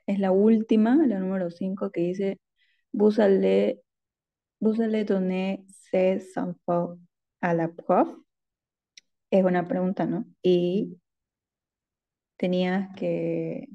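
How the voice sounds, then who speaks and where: Woman student, slow, unsure, muffled video call sound. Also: medium pitch, dark tone. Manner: hesitant, searching for words. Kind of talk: asking questions in class.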